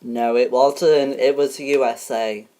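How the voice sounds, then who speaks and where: A woman hosts a homemade game show parody in a very low voice. She speaks slowly and haltingly, with frequent ums and restarts as she reads out rules and questions. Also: steady tone, dark tone.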